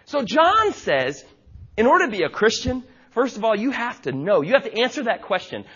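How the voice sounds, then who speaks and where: Animated husky-voiced male pastor preaching. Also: very high-pitched, normal speed, dull audio. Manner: emphatic, folksy, joking asides. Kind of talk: sermon. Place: church stage.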